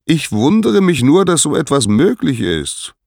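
A man's voice: a little high, very animated, unhurried, vocal fry, a little mellow, no echo, clean studio sound, voice pushed up, full character voice. A man voicing the sun god Helios as an eager, obliging servant who answers in a raised, chirpy voice. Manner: chirpy, obliging, repeats himself.

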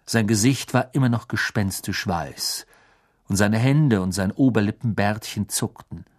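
A man's voice: fairly low pitch, a little slow. A man narrating a fantasy novel as an audiobook reader. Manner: lively storytelling. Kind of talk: scripted narration.

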